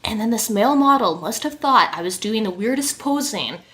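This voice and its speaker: A woman hosting a podcast and telling stories in casual chat, animated and quick to laugh. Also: fairly high pitch. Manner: animated storyteller, laughs often. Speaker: podcast host and model.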